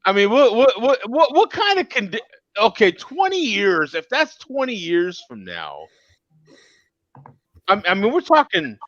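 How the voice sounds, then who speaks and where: A man's voice: high-pitched, huge pitch swings, measured pace, fairly bright tone, lo-fi sound. A man in his fifties hosting a casual live web show over a video call, joking and teasing his regulars, often repeating words when he gets going. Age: 50s. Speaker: show host.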